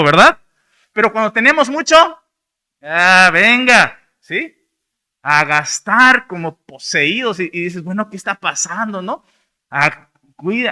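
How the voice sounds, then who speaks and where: Preaching as a pastor, this Mexican Spanish-accented man moves from rising, loud bursts down to quiet, low-pitched phrase endings.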